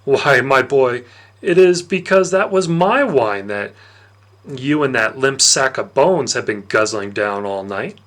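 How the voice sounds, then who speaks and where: Mocking menace colors this performance of a jovial, plump god of wine and revelry who is quietly dangerous. The man's medium-pitched voice is animated and a bit bright, and his delivery is theatrical, condescending, and storybook-like, with stretched-out emphasis.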